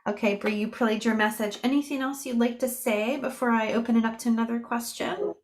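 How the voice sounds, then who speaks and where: A woman with a somewhat high voice hosts an online discussion. She speaks conversationally, as a moderator passing questions along to guests. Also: fairly quick. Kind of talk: casual hosting of an online discussion.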